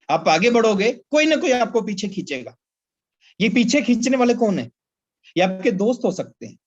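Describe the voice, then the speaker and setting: A man giving a motivational business talk in a webinar, emphatic and repetitive, often addressing listeners as sir. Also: high-pitched. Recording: slightly dull lo-fi audio.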